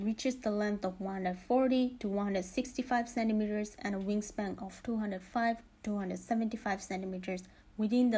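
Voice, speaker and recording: A woman narrates a nature documentary at a middling pitch. She reads from a script in a formal, informative way, as a documentary narrator presenting facts. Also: warm tone.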